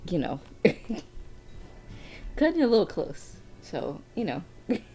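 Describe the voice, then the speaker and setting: Taking things slowly, a young woman comments on a game she's playing in a lowish, warm voice with big pitch swings. She rambles, laughs frequently, restarts her words and sounds a bit sniffly from allergies. Faint music plays behind her casual let's play.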